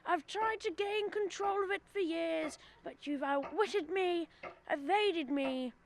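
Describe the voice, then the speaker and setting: A teenage student actor in a radio drama plays a scheming, smug rich businessman, using a full character voice that is very high-pitched and slow. The delivery is persuasive and self-important, and the background is noisy.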